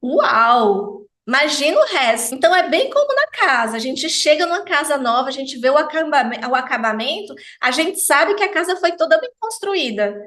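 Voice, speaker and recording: A woman's voice: high-pitched, sing-song, fairly quick, few pauses, fairly bright tone, echoey room. A Brazilian woman teaching French pronunciation, patiently repeating each word. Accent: Brazilian Portuguese. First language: Portuguese.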